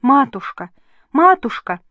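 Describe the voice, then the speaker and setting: A woman's voice: high-pitched, very animated, a little slow, no room sound, narrow, tinny audio, pitched above the performer's own voice, heavily acted. A woman voicing an earnest, emotional young princess who speaks in fervent exclamations in an audiobook reading. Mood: yearning.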